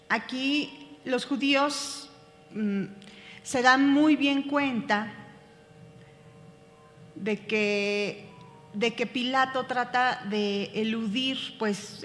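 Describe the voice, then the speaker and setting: A woman, reading scripture and then explaining it slowly, with many fillers and restarts. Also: fairly high pitch, fairly bright tone, in a large hall. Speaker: Bible class teacher. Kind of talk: Bible reading and class commentary.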